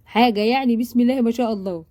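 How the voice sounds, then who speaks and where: Fast-talking Egyptian woman vlogger. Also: on the high side, mellow. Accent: Egyptian Arabic. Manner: chatty, joking, showing purchases. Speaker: baking vlogger. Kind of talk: casual chat to viewers.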